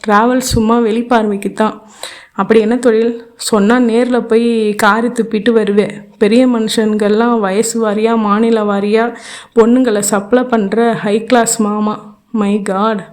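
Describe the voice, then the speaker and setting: A heartbroken young divorced woman pours out her longing in a tearful, impassioned plea, read by a woman narrator. The voice sits fairly high for a woman. It is an audiobook reading. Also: darkish tone, natural voice.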